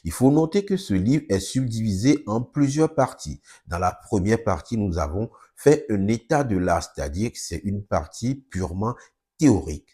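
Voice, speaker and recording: A man who is a speech therapist, giving a steady, earnest explanation in a video presentation. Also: fairly low pitch, slightly rough.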